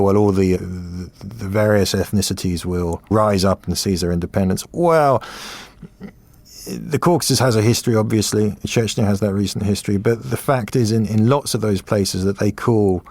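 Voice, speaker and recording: A man speaking as a guest commentator on a podcast, measured and analytical with some restarts. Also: deep voice, a little mellow, dry recording. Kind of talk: podcast discussion.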